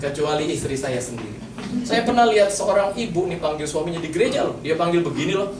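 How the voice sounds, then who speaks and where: A man's voice: fairly high pitch, expressive, quick pace. A male pastor preaching a sermon and talking straight to his congregation in a plain, conversational way. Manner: conversational, addresses the congregation directly. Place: church hall. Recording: echoey hall, mic from far off, noisy.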